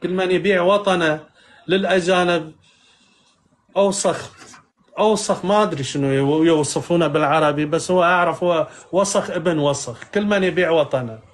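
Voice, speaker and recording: A man, a native Persian speaker, calling into a live stream and speaking halting Arabic in an earnest, solemn way. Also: on the high side. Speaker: caller. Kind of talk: political call-in chat.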